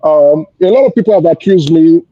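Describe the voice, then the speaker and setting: A Nigerian man speaking as a panelist in a political debate, self-assured but often pausing and repeating his words. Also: on the high side. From Lagos, Nigeria. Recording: muffled, echoey online audio.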